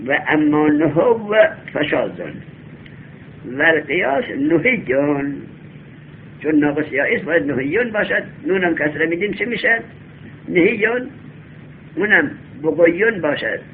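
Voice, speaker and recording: A male teacher giving a classroom lesson, reading a text slowly aloud, then explaining it and quizzing his students. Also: fairly high pitch, lively intonation. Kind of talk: classroom lesson on Arabic grammar. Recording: tinny lo-fi recording with faint hum.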